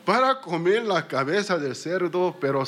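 A man's voice: high voice, lively intonation, normal speed, a bit bright. A male pastor from Korea preaching in a Korean accent, telling stories with self-mocking humor and small slips. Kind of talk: sermon.

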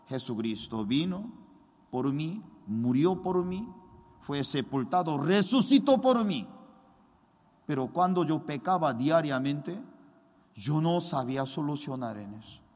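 Man in his own voice, high and very expressive, unhurried testimony sermon with acted-out sound effects, long hall reverb. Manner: dramatic storytelling that acts out scenes with sound effects. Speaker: preacher giving his testimony.

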